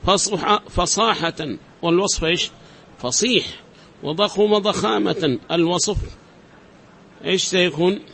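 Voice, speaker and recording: A man's voice: high voice, unhurried, creaky, pauses often, a bit bright. A man teaching a class, explaining step by step, repeating examples and quizzing his students. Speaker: teacher of Arabic grammar. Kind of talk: classroom lecture.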